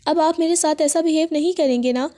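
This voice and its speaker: A woman voicing a hurt young wife who pleads and questions in a high, soft-toned voice. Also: lightly acted. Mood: pleading. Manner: pleading, emotional.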